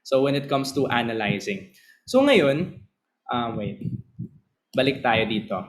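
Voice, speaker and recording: A man teaching a class, switching between Tagalog and English, often asking the students whether they follow and reading verse slowly. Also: medium pitch, lively intonation, low-quality recording. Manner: slow, drawn-out reading of verse lines. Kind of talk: lecture mixing Tagalog and English.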